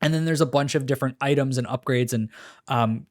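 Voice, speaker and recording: A man co-hosting a casual games podcast, talking in a loose, animated way with many fillers. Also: mid-range voice, fairly quick. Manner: animated, laughing, trailing off into fillers. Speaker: podcast co-host. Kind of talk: casual chat.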